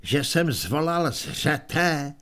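A man voicing an elderly barbarian hero who speaks slowly and declaims his lines. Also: on the high side, animated, sharp tone. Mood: declaiming.

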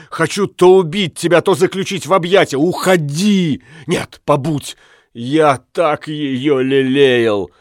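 Guy doing a furious jealous husband yelling, high strained voice, dry close mic. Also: no room sound. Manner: shouting, anguished, ranting. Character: jealous heartbroken husband, loud and raging.

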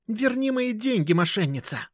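A man voicing a distraught young woman who shouts and is close to tears. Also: sits high, moderate pace, no echo, voice pushed up. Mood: furious.

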